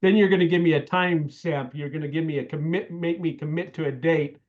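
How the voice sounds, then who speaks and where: A man's voice: on the high side, fairly even intonation, brisk. A man chatting casually as a participant in a group call. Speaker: meeting participant. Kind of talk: casual chat. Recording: slightly dull lo-fi call audio.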